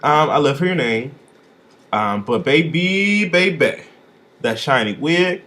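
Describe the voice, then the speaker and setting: A young man from Chicago giving a casual, sassy vlog review, with swooping, expressive emphasis on his catchphrases. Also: on the high side, takes it slowly. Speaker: vlogger reviewing drag contestants.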